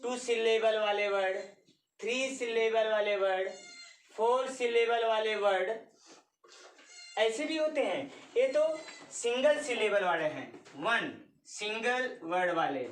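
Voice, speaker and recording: A woman teaches grammar to a class and spells out each definition slowly. She poses questions and answers them herself. Her voice comes from some distance away in a roomy, echoing space. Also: on the high side, expressive, slight background noise. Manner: dictates definitions slowly, repeating each word. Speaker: English teacher. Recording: roomy sound from a mic at a distance.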